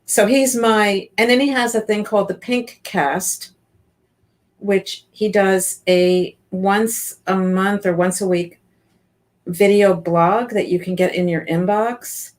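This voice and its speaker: A woman's voice: mid-range voice, steady tone, slow. A woman in her fifties, a business coach, chatting enthusiastically as an interview guest. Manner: chatty and enthusiastic, with frequent restarts. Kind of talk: casual interview chat.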